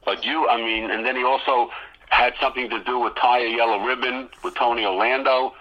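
A man's voice: mid-range voice, steady tone, brisk, muffled recording. A man co-hosting a radio show as a DJ, rattling off music facts in casual chat and restarting his sentences often. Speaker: guest co-host DJ.

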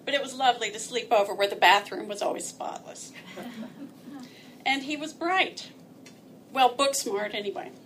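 A woman's voice: high-pitched, fairly bright tone, a little hiss or hum. A woman telling a personal story aloud in a wry, self-mocking way, often laughing as she speaks.

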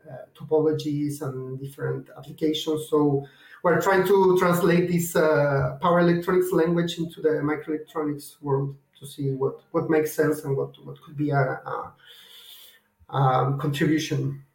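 A man with a Chilean Spanish accent, a guest engineer explaining a project haltingly, with many fillers and restarts. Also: fairly high pitch, steady tone, a little mellow, reverberant, low-quality recording. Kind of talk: technical interview.

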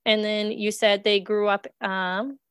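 A young woman hosting a faith podcast, speaking in a friendly, quick and chatty way. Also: medium pitch, level tone, clear, resonant tone, no room sound, clean studio sound. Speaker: podcast host. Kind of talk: casual faith podcast interview.

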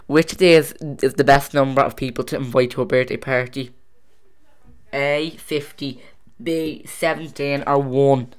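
Casual quiz host, mid-pitched, halting reads with frequent restarts. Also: clean tone. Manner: reads questions aloud haltingly, stumbling and restarting. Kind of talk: casual home video quiz.

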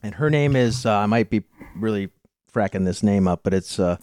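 An American man hosting a casual movie-review podcast, chatty and quick to laugh, often restarting his sentences. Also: fairly low pitch, lively intonation, darkish tone, no echo, clean studio sound. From United States. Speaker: podcast host.

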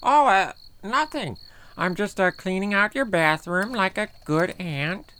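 A woman's voice: medium pitch, animated, a little slow, a little hiss or hum. Brief: bossy meddling aunt played by a woman, nags and scolds, mid-range voice, amateur comedy audio drama. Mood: scolding. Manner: scolding, nagging, snaps and shouts insults. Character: bossy meddling middle-aged aunt, short-tempered.

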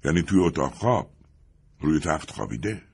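A man's voice: rumbling low, sing-song, vocal fry, breathy edge, exaggerated voice. A man voicing a smug, mocking male neighbor who taunts with a sneer in a story reading. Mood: taunting. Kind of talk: audiobook character voice.

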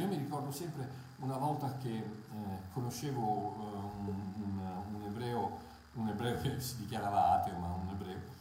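A man's voice: medium pitch, dark tone. Impassioned male preacher in an echoey room. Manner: impassioned, emphatic repetition, halting fillers and restarts. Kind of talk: Bible teaching sermon. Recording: very echoey room, faint noise.

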